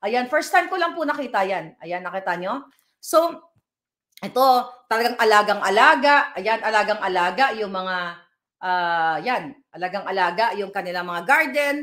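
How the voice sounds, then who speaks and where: A woman's voice: medium pitch, animated, moderate pace, a bit bright. A woman giving emphatic live vlog commentary, speaking directly to her viewers and reading their comments aloud. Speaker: political vlogger.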